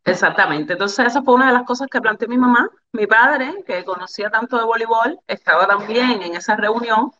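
A woman with a Cuban Spanish accent, a volleyball player telling her life story as an interview guest, candid and animated, repeating phrases for emphasis. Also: a little high, fairly quick, hardly any pauses, muffled recording. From Cuba.

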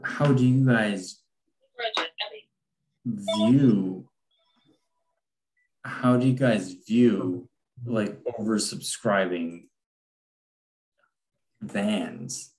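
A man's voice: on the low side, extremely slow, pauses often, darkish tone, echoey room, slight background noise, low-quality recording. A man speaking casually in a video call meeting, thinking aloud and hedging.

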